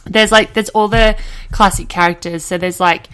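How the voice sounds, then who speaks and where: A young adult woman co-hosting a podcast in casual chat, gushing about what she loves and quick to laugh. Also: mid-range voice, fairly even intonation, a bit bright, clean tone. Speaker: podcast co-host.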